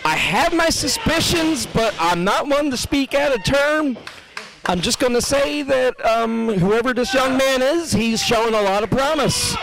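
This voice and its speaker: High voiced guy doing play-by-play, jokey, keeps yelling oh at big moves. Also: measured pace, gravelly, poor audio. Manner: excitable, joking, lots of fillers. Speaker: play-by-play commentator. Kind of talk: wrestling commentary.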